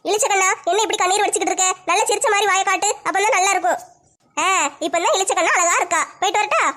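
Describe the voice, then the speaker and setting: Give me a woman playing a brash, teasing tough woman, very high and quick. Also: a bit bright. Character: bold, tough older sister-figure woman. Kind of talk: comedy skit acting.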